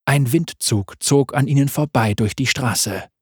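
A man narrating a fantasy story aloud in a steady reading voice. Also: mid-range voice, a little slow, breathy edge, no echo, clean studio sound.

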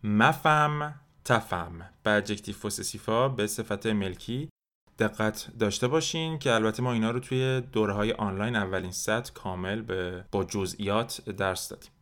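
A man with a fairly low voice runs a French lesson podcast. He drills verb forms slowly and deliberately, then rattles through explanations in easy, casual talk. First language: Persian. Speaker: French teacher and podcast host.

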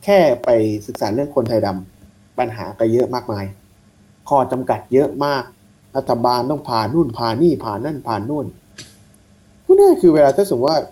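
A man in casual chat on a podcast, talking quickly and animatedly, firing off rapid questions. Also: mid-range voice, animated, dark tone, poor audio.

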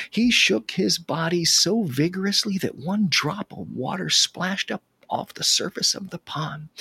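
A man telling an animal tale aloud, expressive and slipping into whispers for suspense. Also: on the high side. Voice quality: husky. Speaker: storyteller. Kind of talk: animated oral storytelling.

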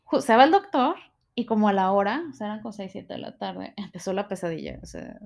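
A woman's voice: medium pitch, big pitch swings, brisk, gravelly, a little mellow. A woman with a Mexican Spanish accent tells a personal story with emotion, full of fillers and tag questions.

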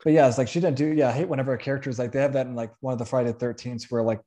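A man's voice: medium pitch, steady tone, racing, over a noisy crowd. A man co-hosting a casual movie podcast, agreeable and chuckling, sometimes teasing the others with trivia. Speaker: podcast co-host. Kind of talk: casual movie review chat.

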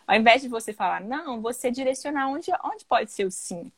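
A woman hosting a casual podcast conversation, telling stories in an animated way and often ending with "né?". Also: brisk, dry recording. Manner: animated storytelling, often ends with "né?"; acts out children's voices with big pitch jumps. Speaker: podcast host.

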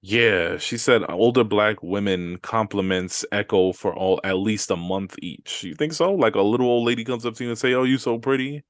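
Talking at normal speed with few pauses, this man has a lowish voice and there's no room sound. He's a podcast co-host in casual chat mode, laid-back and slangy, reading listener comments out loud.

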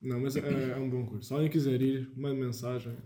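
A young man with a European Portuguese accent talks casually among friends. He moves along quickly in a mid-range voice with a soft, mellow tone. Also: medium pitch, fairly even intonation, echoey room. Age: young adult. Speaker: podcast co-host.

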